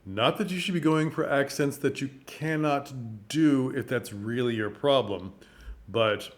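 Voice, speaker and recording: A man talks straight to camera in a casual vlog, speaking into a microphone. His delivery is emphatic and expressive, and he leans hard on key words. His pitch sits in an ordinary middle range for a man. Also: unhurried. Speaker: vlogger and performing arts commentator.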